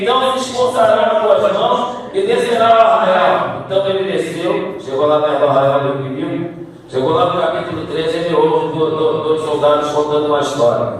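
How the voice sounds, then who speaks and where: A man with a Brazilian Portuguese accent preaching a sermon, swinging from low asides to shouted climaxes. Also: slight background noise. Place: church sanctuary. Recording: echoey church hall, distant mic.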